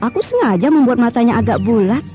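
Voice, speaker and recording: A woman's voice: fairly high pitch, very animated, fast talker, lo-fi sound, soft background music. An actress playing a stubborn, wounded young woman warrior, impatient and bantering, in an old radio drama recording. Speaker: Tri Andiani, a radio drama character.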